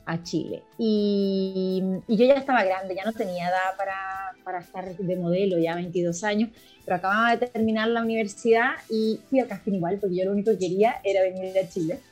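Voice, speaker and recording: A middle-aged woman from Argentina, a guest telling her life story in a relaxed, chatty way. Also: medium pitch, brisk, soft background music. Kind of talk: casual interview talk.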